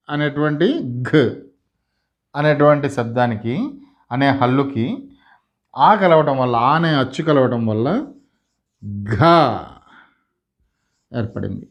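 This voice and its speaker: A man giving a slow lesson, sounding out each syllable and repeating it for learners. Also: mid-range voice, a bit bright. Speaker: Telugu teacher.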